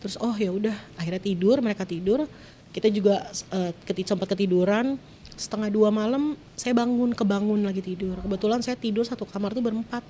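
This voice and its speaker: A woman appearing as a guest tells her own emotional story in short, clipped phrases, distressed and at times close to tears, her voice jumping up whenever she quotes someone. Her voice is mid-range and dark, a little fast, with slight hiss or hum.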